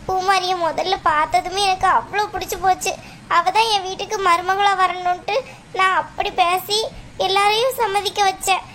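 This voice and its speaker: A woman voicing a gentle, apologetic middle-aged mother of the groom in a cartoon. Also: extremely high pitch, fairly even intonation, normal speed, a crowd in the background. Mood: soothing. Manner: soft, apologetic, soothing. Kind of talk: cartoon voice acting.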